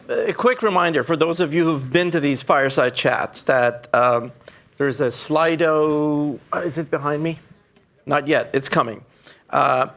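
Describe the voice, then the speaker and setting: A man with a somewhat high, gravelly voice hosts a fireside chat on a university stage. He poses his questions slowly and encouragingly, then gives his guest room to answer. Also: a bit bright. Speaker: university president hosting.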